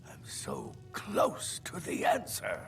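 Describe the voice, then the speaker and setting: A man's voice: slow pace, a bit bright, faint music behind. An actor voicing a frail, ailing old male elf scholar in a video game, speaking in a weary, dramatic way. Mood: weary, frustrated. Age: older. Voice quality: weak, creaky, ailing voice. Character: frail old elven scholar shopkeeper, wistful, obsessed. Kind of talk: video game character acting.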